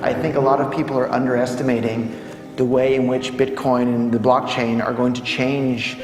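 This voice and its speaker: A man's voice: mid-range voice, level tone, moderate pace, darkish tone, soft background music. A man speaking earnestly and emotionally as a Bitcoin advocate addressing a crowd. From United States. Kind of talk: impassioned public talk.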